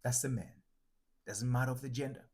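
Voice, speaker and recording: Husky and darkish in tone, the mid-range male voice moves fairly quickly with fairly even intonation. The speaker, a Tanzanian identity transformation coach, gives a reflective motivational teaching talk that keeps returning to and restating its points, with phrases repeated and restarted as he builds an argument.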